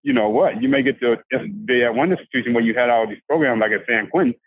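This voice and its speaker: An older man from South Carolina, a guest talking about life after prison in a halting, casual way with many restarts. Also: mid-range voice, dry recording. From South Carolina, USA. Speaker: formerly incarcerated guest. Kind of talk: casual conversational interview. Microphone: handheld phone on a video call. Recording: dry, tinny phone-like video call audio.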